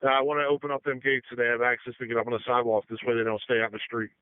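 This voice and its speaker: A man supervising police in the field, giving brisk, directive instructions over police radio. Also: mid-range voice, little pitch movement, smooth, no echo. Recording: tinny narrow-band police radio audio.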